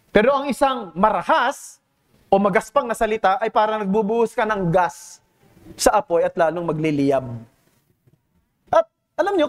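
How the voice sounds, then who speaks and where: A high-pitched male pastor from the Philippines, speaking with a Filipino accent, preaches a sermon that blends Tagalog and English. In an earnest, teacherly way he keeps putting rhetorical questions to the congregation.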